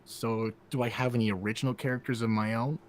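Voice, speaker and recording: A man's voice: mid-range voice, fairly even intonation, fast, darkish tone. A man, a voice actor, talking animatedly on a podcast and slipping in and out of character voices. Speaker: voice actor guest. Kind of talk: casual podcast chat.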